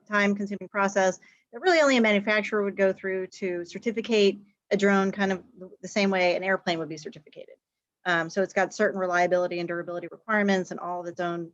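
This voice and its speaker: A woman speaking as a guest expert on a live Q&A, explaining in a conversational way with frequent fillers and occasional quick bursts. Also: mid-range voice. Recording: dull, dry, slightly lo-fi.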